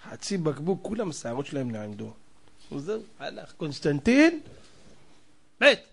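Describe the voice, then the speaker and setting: A man telling a parable in a sermon, animated and dramatic, chuckling as he goes. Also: a little high, gravelly, heavy background noise. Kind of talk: storytelling sermon.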